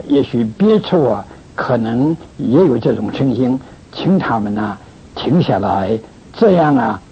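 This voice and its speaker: A man delivers a pastoral message in a slow, deliberate cadence, his voice deeply husky and breathy. He pleads earnestly and stretches little particles between his phrases. The recording sounds dull and lo-fi. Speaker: church leader.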